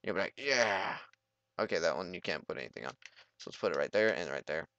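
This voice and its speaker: A man's voice: low-pitched, animated, quick pace, sharp tone, no room sound, highs cut off. Goofy young man rambling over gameplay. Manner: goofy, rambling, jokey, talks to the game. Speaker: let's play gamer. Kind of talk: casual let's play commentary.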